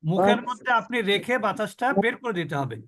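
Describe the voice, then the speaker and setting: A man with a fairly high voice leads a Quran recitation lesson, explaining patiently and asking questions he answers himself. He demonstrates each sound several times over. The recording is dry and close, with no room echo. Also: lively intonation, a little fast, a bit bright. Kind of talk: online tajweed class.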